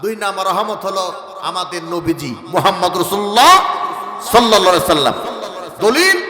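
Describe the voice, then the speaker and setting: A man's voice: sits high, big pitch swings, brisk, pushed and bright. A man preaching a sermon, impassioned, chanting and breaking into melodic verses. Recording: echoey hall with long reverb.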